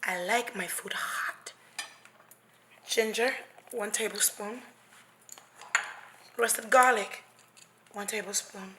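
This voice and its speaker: A woman's voice: medium pitch, fairly even intonation, slow, long pauses, background noise. A young woman from Nigeria hosting a casual cooking tutorial in her home kitchen, playful and brash, her voice partly gone. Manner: playful, brash, swears jokingly. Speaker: cooking vlogger. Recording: very echoey kitchen.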